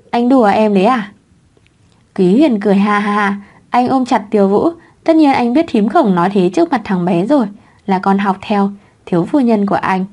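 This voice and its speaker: Woman storyteller, steady even read, warm mellow tone, audiobook channel. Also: mid-range voice. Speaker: story narrator. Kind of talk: scripted audiobook narration.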